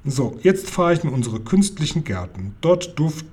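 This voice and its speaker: Eine freundliche alte Dame aus einem vorgelesenen Kinderbuch, von einem Mann gesprochen, die geduldig und manchmal streng erklärt. Die Stimme liegt etwas höher, klingt weich und dunkel gefärbt und leicht heiser. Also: male voice, a little high, sing-song, normal speed, darkish tone, breathy edge. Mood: friendly explaining. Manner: friendly, patiently explaining, occasionally stern. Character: kind, calm old lady in a car. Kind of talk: reading a children's book aloud.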